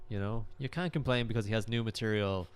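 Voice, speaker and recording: A man's voice: lowish voice, fast, smooth. A young man with a Dublin Irish accent, an easygoing podcast co-host who chats agreeably with plenty of fillers. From Ireland. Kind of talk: casual chat.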